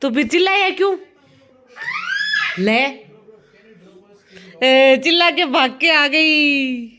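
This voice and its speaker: A young woman talks through her day at home in an easy, chatty vlog style. Her voice sits high and sounds bright and clear. She keeps turning to the children, scolding them and coaxing them along, while household noise goes on behind her. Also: slow. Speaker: vlogger. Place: home indoors.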